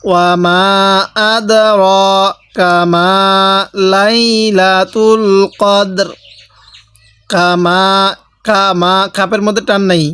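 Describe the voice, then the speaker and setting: Man teaching slow melodic recitation. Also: high voice, fairly even intonation, fairly bright tone, clean tone, no echo. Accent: Bangladeshi Bengali. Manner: alternates drawn-out melodic recitation with brisk spoken instruction. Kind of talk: tajweed lesson, slow chanted recitation between quick explanations.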